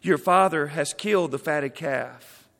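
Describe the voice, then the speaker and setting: High-voiced preacher in a reverberant hall. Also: male voice, unhurried, creaky, fairly bright tone. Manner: reads scripture aloud, then comments on it. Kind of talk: sermon reading and explaining scripture.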